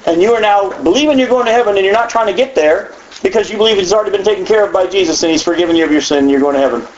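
A man teaches the Bible in a loose, folksy way, full of asides and restarts, and his voice sits a bit high for a man. The sound is dull and lo-fi, with a roomy echo around him and a faint hiss behind. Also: racing. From United States. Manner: animated, folksy, with frequent asides and repetitions. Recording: echoey, dull lo-fi room sound.

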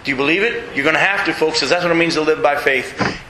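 Middle-aged pastor guy preaching, high bright voice, echoey church room. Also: fast talker, a little hiss or hum. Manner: animated preaching, reads scripture aloud. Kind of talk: sermon. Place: church sanctuary with congregation.

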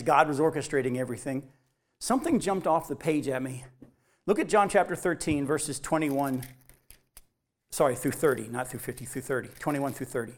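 A man pastor preaching a sermon with animation, acting out quoted voices as he reads scripture. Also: on the high side.

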